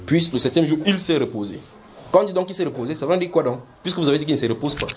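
A man's voice: on the high side, lively intonation, racing, a crowd in the background. A man preaching, teaching the Bible by asking his listeners questions, repeating words and pressing his points with energy. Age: adult.

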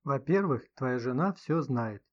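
Man doing a smug middle-aged boss type, calm and threatening, kinda dull audio. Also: fairly high pitch, normal speed. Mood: cold. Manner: calm, patronizing, quietly threatening. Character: middle-aged male business owner, cool and menacing.

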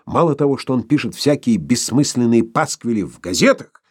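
A man's voice: mid-range voice, lively intonation, brisk, breathy edge, no room sound, clean studio sound. A man voicing an older male professor, imperious and irate, lecturing in a thundering way. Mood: furious.

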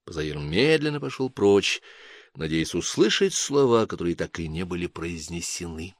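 A man narrating an audiobook in a measured, expressive reading. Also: deep voice, dry recording.

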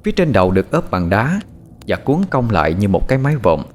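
A man narrating a scripted horror story in an expressive, suspenseful way. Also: lowish voice, quick pace, a little hiss or hum. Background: faint music.

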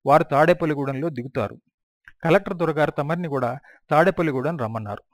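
A man voicing a burly male district revenue officer who calls out loudly and respectfully in an audiobook. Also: a little high, quick pace, no room sound, clean studio sound, natural voice. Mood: deferential.

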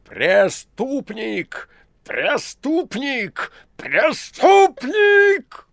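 A man reading an audiobook, voicing a harsh, cruel Roman procurator with a hoarse, strained voice and slow, barking outbursts. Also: low voice, expressive, dry recording, studio quality, full character voice. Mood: shouting. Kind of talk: audiobook character voice.

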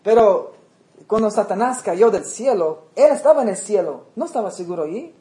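A man's voice: sits high, expressive, moderate pace, dark tone. A male pastor preaching a sermon in a conversational way, often checking in with his listeners and dropping in English words. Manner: conversational preaching with frequent check-ins to the congregation; mixes English words into Spanish.

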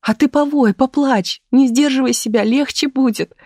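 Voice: normal speed, slightly rough, no echo, clean studio sound. A reader voicing an eager, tearful young woman who comforts her friend in a thin little voice. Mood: eager, caring. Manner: thin little voice, raised pitch.

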